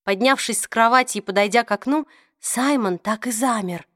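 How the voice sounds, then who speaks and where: Woman narrating a novel, slightly high. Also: normal speed, fairly bright tone, dry recording, studio quality. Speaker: audiobook narrator. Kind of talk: scripted narration.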